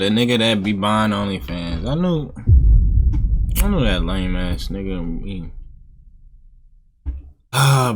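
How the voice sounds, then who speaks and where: A man's voice: mid-range voice, fairly bright tone, a little hiss or hum. A man reacting live on a stream in loose, casual slang. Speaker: livestream reactor.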